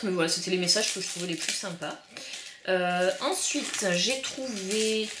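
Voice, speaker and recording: A woman vlogger chatting casually and enthusiastically about her craft supply haul, with lots of fillers. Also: mid-range voice. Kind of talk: casual haul show-and-tell. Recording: echoey room with faint noise.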